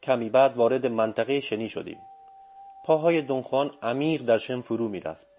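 Man narrating an audiobook, dark tone. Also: medium pitch. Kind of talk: first-person audiobook narration.

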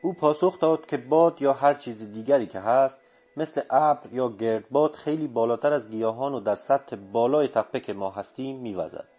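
A man reading a first-person story aloud in a steady, measured narration. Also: medium pitch, slightly rough. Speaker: audiobook narrator. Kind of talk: scripted literary narration. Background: faint music.

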